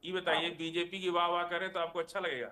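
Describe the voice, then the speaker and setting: A man's voice: high-pitched, flat delivery, fast, bright, forceful tone. A man arguing heatedly as a panelist in a TV debate, stammering and restarting as he pushes his point.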